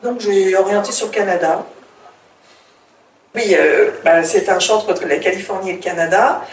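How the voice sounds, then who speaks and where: At a moderate pace and medium pitch, this middle-aged Frenchwoman chats as an interview guest, frequently hesitating and starting over while telling her story. It's casual interview talk, recorded on a distant mic in a roomy space with faint hiss.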